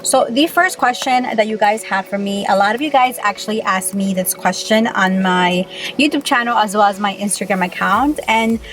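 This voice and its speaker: A young Peruvian woman whose first language is Spanish, a beauty YouTuber, chats casually with her audience while eating in a mukbang vlog, often saying "you guys." Her medium-pitched voice is fairly bright and moves at a moderate pace.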